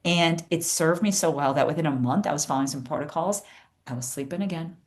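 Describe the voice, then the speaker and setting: A woman in her fifties who grew up in Chicago, a guest neurologist telling her story in an earnest podcast interview, quick to laugh. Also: low-pitched. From United States (Chicago). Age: 50s.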